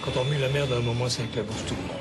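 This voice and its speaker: An actor playing a grim man who warns someone to stop digging into the past, speaking low and insistently in a TV drama trailer with music behind. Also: rapid-fire, close to an everyday voice. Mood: menacing.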